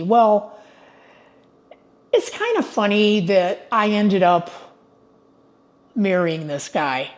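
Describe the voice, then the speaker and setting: A woman's voice: on the low side, darkish tone. An older woman in retirement chatting casually to her viewers from her home, upbeat and prone to digressions. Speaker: retiree vlogger. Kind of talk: casual vlog monologue.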